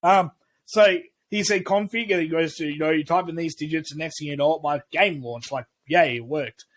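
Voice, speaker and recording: His voice is a little high and his pace moderate as he co-hosts a relaxed podcast. The man drifts through his opinions with repeated false starts and upbeat swearing.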